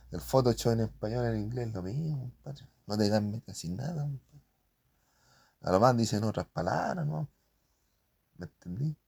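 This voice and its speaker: A man's voice: lowish voice, vocal fry, dark tone, breathy edge. A man with a Chilean accent rambling casually about print shop work, full of slang and spoken sound effects.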